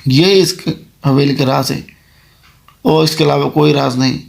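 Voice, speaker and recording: A man's voice: mid-range voice, fairly even intonation, measured pace, creaky, voice pushed down. A man voicing the female ghost of a haunted mansion, speaking in a solemn, warning tone as part of a told horror story. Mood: mournful.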